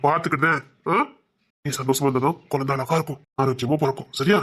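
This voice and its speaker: An actor playing a caring father who soothes and coaxes his crying daughter in a TV serial, repeating himself gently. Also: mid-range voice, steady tone, quick pace, natural voice. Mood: soothing. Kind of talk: TV serial drama.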